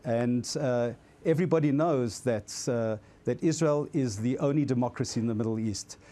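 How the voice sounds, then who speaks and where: A man from South Africa, founder of an advocacy group, arguing forcefully and categorically in a debate. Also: medium pitch, moderate pace. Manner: forceful, categorical, stumbling at times. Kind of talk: studio debate.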